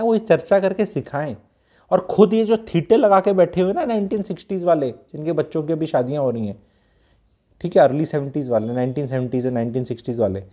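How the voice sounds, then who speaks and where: A man from Haryana gives frank, casual advice to young people, slipping English into his speech. His voice is mellow and relaxed. He drives his points home with rhetorical questions. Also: a little high. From Haryana, India. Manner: blunt, mixes Hindi with English, rhetorical questions. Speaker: youth advice speaker.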